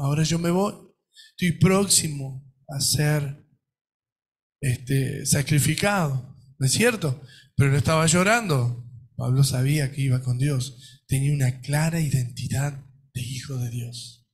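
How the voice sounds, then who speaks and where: A man with an Argentine Spanish accent, a pastor delivering a sermon, asking rhetorical questions and acting out quoted voices. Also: on the high side. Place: church.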